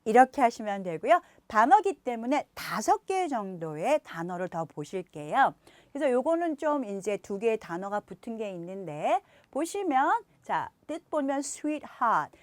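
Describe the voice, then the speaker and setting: A woman teaching English pronunciation to parents in a video lesson, stretching out example words slowly between explanations. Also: a little high, big pitch swings, darkish tone, no echo. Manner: slow, drawn-out demonstration words between explanations.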